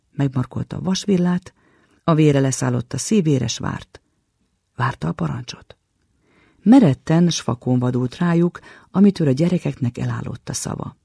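A man giving a measured, dramatic reading of a short story on a literature program. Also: a little high, gravelly, warm tone, slightly rough, no echo, clean studio sound.

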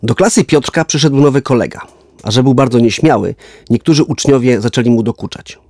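A man reads a children's story aloud, with clear diction and an expressive, lively delivery. His voice sits at a medium pitch, and the close, dry sound has almost no room echo. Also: a little fast. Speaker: storyteller, scouting instructor.

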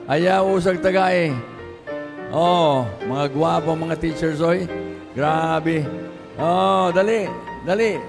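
In a large church auditorium, a pastor with a Cebuano Filipino accent gives the congregation short, repeated directions. His voice sits high and creaky, and the hall's reverberant sound carries music behind him.

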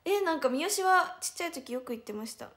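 A high-voiced young woman speaks with a Hiroshima lilt. She hosts a relaxed livestream and chats and giggles as she reads out and answers viewers' comments. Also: quick pace. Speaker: idol livestreamer. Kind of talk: casual livestream chat reading viewer comments.

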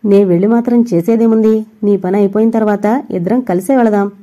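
A woman voicing a sharp, probing young female friend in a storybook reading, asking pointed questions. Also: mid-range voice, steady tone, fairly quick, lightly acted.

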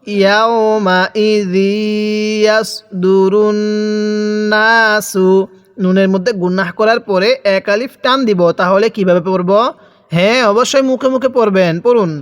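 A man's voice: high-pitched, brisk. A male teacher from Bangladesh with a Bangladeshi Bengali accent, giving a recitation lesson, spelling out syllables one by one and having viewers repeat after him.

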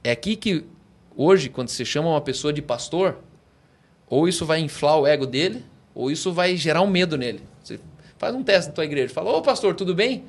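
This guest pastor, whose accent is Brazilian Portuguese, preaches in a conversational way, driving his points home with emphatic rhetorical questions. He talks briskly, his voice on the high side with lively intonation.

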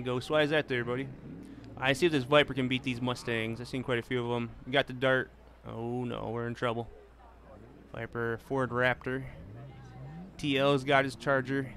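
A man's voice: mid-range voice, level tone, moderate pace. A man streaming a racing game live, chatting casually and answering viewers as he drives. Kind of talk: casual live gameplay commentary. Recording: loud car game sounds over voice. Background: racing game engine noise.

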